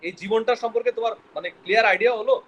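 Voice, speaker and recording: In a rough recording, a man with a very high, slightly bright voice races through a biology class lecture. He quizzes his students, mixes English terms into his explanations, and stumbles over words.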